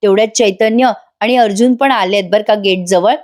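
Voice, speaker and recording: Talking straight to her audience, a serial reviewer narrates a casual recap of a TV show. She speaks at a moderate pace with a mid-range, somewhat dark voice.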